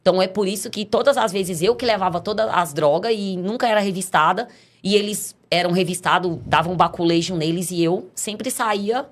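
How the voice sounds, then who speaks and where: A woman's voice: medium pitch, a little fast. A middle-aged Brazilian woman telling her life story as a podcast guest, acting out the voices of the people in her tale. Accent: Brazilian Portuguese. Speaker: podcast guest giving a testimony. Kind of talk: casual storytelling testimony.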